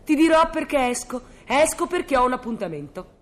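A woman's voice: high voice, animated, brisk. Melodramatic nagging woman in a sketch. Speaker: wife in a comic sketch. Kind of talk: comic sketch acting.

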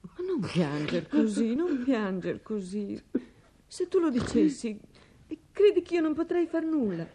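An actress playing a loving young daughter in a radio play, speaking gently and pleadingly. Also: female voice, fairly high pitch, very animated, a little slow, crowd noise. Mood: tender. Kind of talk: radio drama acting.

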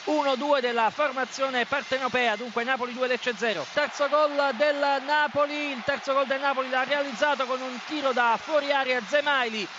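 Very high-pitched man calling goals urgently. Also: fairly even intonation, normal speed, hardly any pauses. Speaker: football radio commentator. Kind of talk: live goal commentary. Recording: dull lo-fi broadcast, stadium noise.

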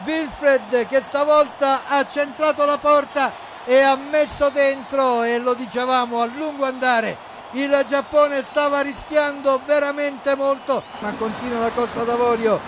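Male commentator, urgent and loud, holding one very high note through noisy match coverage. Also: steady tone, a little slow. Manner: urgent, often shouting. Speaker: football commentator. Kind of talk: excited running football commentary.

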